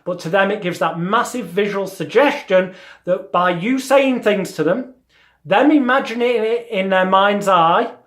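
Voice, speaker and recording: A man's voice: high voice, measured pace, fairly bright tone. A man giving an instructional lecture as a hypnotherapy trainer, with emphatic, repetitive phrasing. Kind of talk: instructional lecture with demonstrated patter. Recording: roomy, echoing sound.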